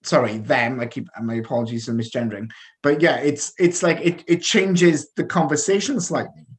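A man's voice: medium pitch, fairly even intonation, moderate pace. A man with a South Wales Valleys accent co-hosting a casual news discussion, chatty and often hesitating and rephrasing as he goes. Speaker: co-host.

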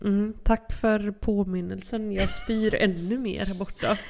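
Chatty podcast woman at home, blunt and giggly, swears a lot, mid pitched voice. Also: steady tone, gravelly, darkish tone, slight background noise. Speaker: podcast co-host. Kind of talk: casual chat. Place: apartment.

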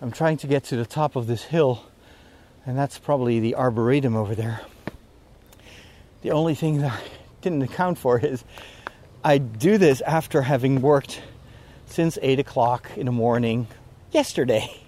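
A man's voice: medium pitch, normal speed, mellow, a little hiss or hum. A man vlogging while walking uphill through woods, tired and short of breath, talking in a rambling way with self-deprecating asides. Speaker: priest and vlogger. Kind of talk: walking vlog monologue. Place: outdoors in woods, climbing a hill.

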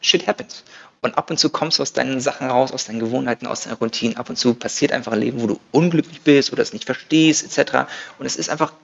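A man in his thirties talks at a quick clip with a gravelly, creaky edge. He speaks energetically, jumping into voiced quotes of his own thoughts. The sound is dull and lo-fi. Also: medium pitch, fairly bright tone. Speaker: guest. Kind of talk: casual podcast conversation.

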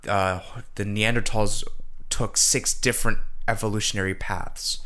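A man's voice: fairly low pitch, fairly even intonation, unhurried, sharp tone, clear, resonant tone. A man co-hosting a podcast, rambling casually with many fillers and hedges. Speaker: podcast co-host. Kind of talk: casual chat.

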